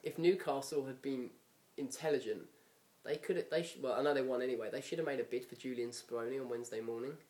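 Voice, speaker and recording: A man's voice: medium pitch, fast, hardly any pauses, a little mellow, reverberant, recorded from a distance. A chatty man from England hosting a casual football podcast, predicting match results and laughing often. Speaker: podcast host.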